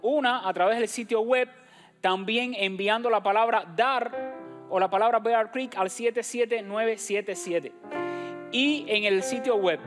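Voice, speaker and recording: A pastor from Cuba speaks, giving church announcements in a direct, encouraging way. He addresses the listeners as brothers and sisters. Soft instrumental music plays faintly behind him in the sanctuary. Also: high voice, measured pace.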